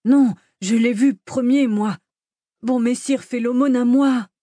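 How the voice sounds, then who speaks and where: A woman voicing a simple-minded hulking male giant beggar in an audiobook, with a guttural voice and slow, broken, pleading speech. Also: mid-range voice, fairly even intonation, warm tone, dry recording, studio quality, voice pushed up. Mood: angry. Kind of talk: audiobook character voice.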